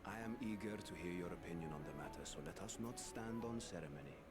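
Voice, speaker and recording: An actor playing a courtly, gracious ruler of a fantasy city in a video game, with formal, ornate, ceremonious speech. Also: male voice, sits low, quick pace, lightly acted. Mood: grave, formal. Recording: loud game music under voice.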